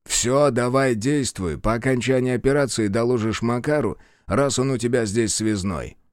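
A man voicing a gruff, short-tempered male general in his seventies who speaks slowly and barks orders in an audiobook. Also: medium pitch, no echo, studio quality, natural voice. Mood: stern. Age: 70s. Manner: slow, clipped, barking orders.

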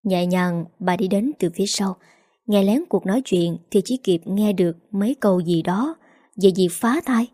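A woman narrates a novel in a steady, even reading. Her voice is mellow and warm. The sound is dry and close. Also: medium pitch, normal speed, no room sound. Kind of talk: scripted story narration.

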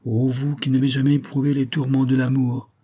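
A man's voice: mid-range voice, flat delivery, a little fast, warm tone, pitched above the performer's own voice, natural voice. A man reading an audiobook, voicing a heartbroken young woman who laments to her companions. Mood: grieving. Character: young woman, grieving and lovesick.

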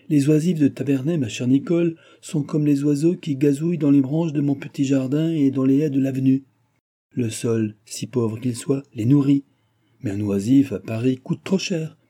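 A man voicing a young noble lady who speaks gently but firmly, in a measured way. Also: mid-range voice, voice pushed up, lightly acted. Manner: measured, firm and kindly.

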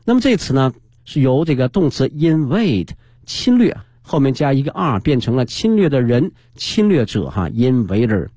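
Husky man teaching English on radio. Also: mid-range voice, sing-song, normal speed, mellow, no echo, clean studio sound. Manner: explains patiently, spells words letter by letter. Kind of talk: bilingual vocabulary lesson.

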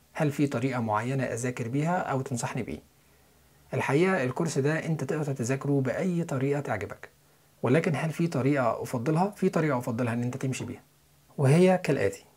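A man's voice: medium pitch, very fast, a little mellow, slightly rough. A man with an Egyptian Arabic accent, explaining English pronunciation step by step as a listening-course teacher.

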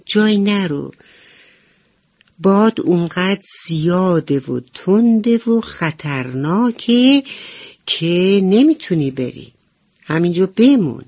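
A gentle, caring butterfly, as a woman puts her on. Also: on the low side, no room sound. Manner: gentle, slow, sensible tone, a little raised. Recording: dull radio broadcast with soft music.

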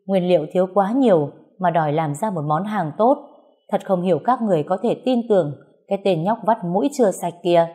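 A woman's voice: on the low side, a little fast, dark tone, husky. A woman reading a cool, curt young craftsman. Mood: scornful. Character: calm, proud male craftsman held captive.

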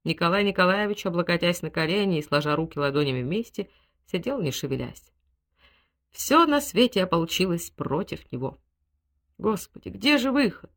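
A woman reading a novel aloud as audiobook narrator, with expressive, dramatic delivery. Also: fairly low pitch, brisk. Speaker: audiobook reader. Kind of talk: scripted literary narration.

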